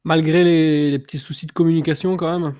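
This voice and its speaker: A man hosts a laid-back interview, bantering and teasing his guest. His voice sits a little higher than most men's. He keeps the exchange loose and chatty. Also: steady tone, brisk, a little mellow. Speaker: interview host. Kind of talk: casual interview chat.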